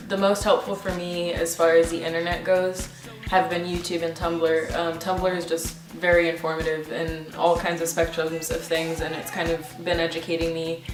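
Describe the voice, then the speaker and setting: A woman in her twenties answering interview questions casually, thoughtful and halting, with frequent ums. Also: fairly low pitch, distant mic. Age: 20s. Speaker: interview guest. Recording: roomy, off-mic, with music behind.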